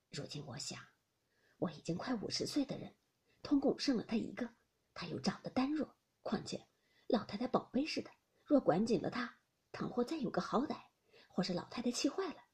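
An anxious mother of noble rank, close to fifty, as a woman reader puts her on. She speaks in a soft, breathy half-whisper with lively rises and falls. It is an audiobook reading of a classic novel. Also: a little high, moderate pace, full character voice. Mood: grieving.

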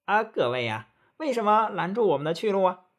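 A man voicing a cocky, quick-tempered male monkey king in a storybook tale, with a brash, mocking manner. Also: high-pitched, very animated, fairly bright tone, voice pushed up.

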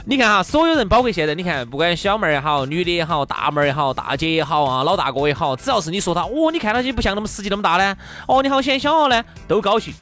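A man's voice: high-pitched, animated, very fast, few pauses, fairly bright tone, soft background music. A male talk show co-host with a Sichuan accent, chatting and bantering casually in Sichuan dialect.

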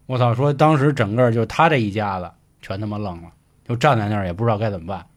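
Man, podcast co-host, rapid storytelling, blunt slangy chat. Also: fairly low pitch. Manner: brisk, animated, crude slang.

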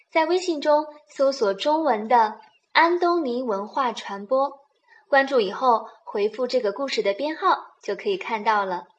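A woman hosting a children's program, telling a bedtime story in a soft, slow, soothing way. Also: on the high side.

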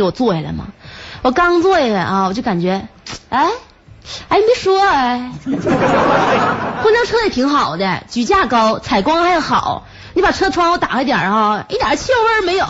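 Female radio host, Northeastern Chinese accent, high and bouncy, self-mocking comic monologue, slightly muffled broadcast sound. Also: heavy background noise. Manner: chatty, self-mocking, quick pitch jumps for voices in her story. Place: radio studio.

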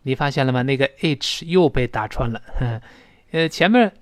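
A man teaching an English lesson, explaining pronunciation step by step, slowly repeating example words and asking his listeners rhetorical questions. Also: medium pitch, expressive, smooth, no room sound, clean studio sound. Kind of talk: recorded language lesson.

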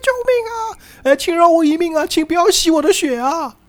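Man putting on a shrill sobbing frightened woman. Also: animated, fast, darkish tone. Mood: begging, sobbing. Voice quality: shrill wailing cries. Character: terrified pleading young woman, actually a vampire lackey in disguise.

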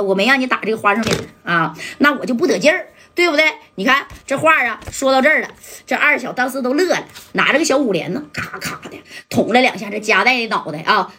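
A woman tells a gangland story in a lively, colloquial way. Her voice sits fairly high and carries a husky edge. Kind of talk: spoken crime-story narration.

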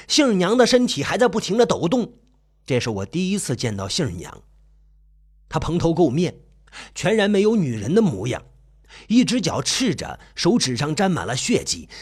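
A man with a husky voice reading a first-person horror story aloud as scripted narration. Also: high voice.

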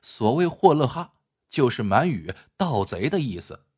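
A man telling a historical legend with dramatic, expressive narration. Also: medium pitch, unhurried, slightly rough. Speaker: storyteller.

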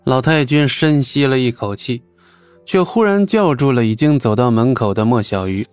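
A man narrating an audiobook in a steady, even storytelling manner. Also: mid-range voice, moderate pace, clear, resonant tone, no echo, faint music behind.

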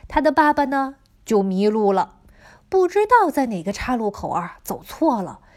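A woman teacher telling a story to children, expressive and dropping into dramatic whispers. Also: fairly high pitch.

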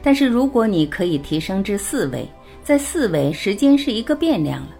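A woman's voice: mid-range voice, very animated, moderate pace, vocal fry, dark tone, soft background music. A woman reading a written interview aloud, voicing both sides and announcing each speaker's label.

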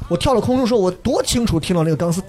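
A man telling a dramatic story in casual chat, acting out shouts and sounds. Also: sits high, expressive, racing, slight background noise. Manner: acts out shouts and quoted voices, imitates sounds. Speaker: storyteller guest.

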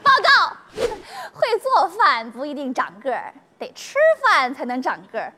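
A naive young trainee cook. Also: female voice, high-pitched, huge pitch swings, moderate pace, sharp tone, heavily acted. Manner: clipped soldier-style replies. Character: naive, clueless young female trainee cook, soldierly and literal. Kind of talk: stage comedy sketch.

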